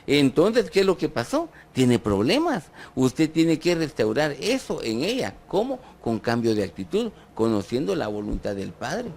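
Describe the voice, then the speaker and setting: Guatemalan pastor guy, lively up-and-down voice, lots of rhetorical questions. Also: mid-range voice, a little slow, hardly any pauses, slight background noise. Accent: Guatemalan Spanish. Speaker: preacher. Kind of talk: sermon with questions to the congregation. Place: church.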